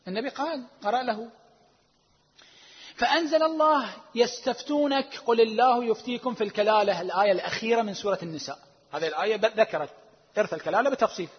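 Husky high-voiced man lecturing in a hall. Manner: emphatic, drawn-out stresses, swings between loud and hushed; rhetorical questions to the audience. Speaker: religious lecturer. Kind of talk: religious lecture citing sources. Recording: dull lo-fi recording with long hall reverb.

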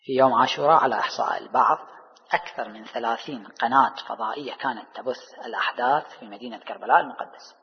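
A man preaching a religious sermon, asking rhetorical questions and answering them himself, his voice rising and falling between soft and loud. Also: mid-range voice, quick pace. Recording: dull hall recording with long reverb.

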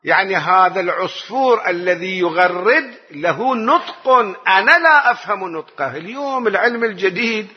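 A religious teacher with an Iraqi Arabic accent explains the Quran in a lesson, asking rhetorical questions and answering them himself. His high voice is animated, at normal speed with hardly any pauses. The recording is dull and lo-fi, with a little hiss or hum.

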